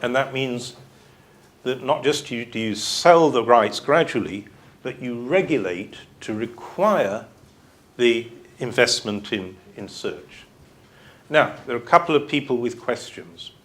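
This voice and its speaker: A man's voice: mid-range voice, expressive, a little slow, a bit bright. A man with a British accent giving a university lecture and answering audience questions in a conversational way, thinking aloud with restarts.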